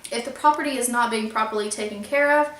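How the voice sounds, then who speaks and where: A young woman tells a storytime vlog in a fairly high voice, earnest and trying to stay polite while upset. The room around her is echoey and bounces her voice back. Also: fast talker, fairly bright tone, a little hiss or hum. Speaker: vlogger. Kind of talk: storytime vlog, reading out emails.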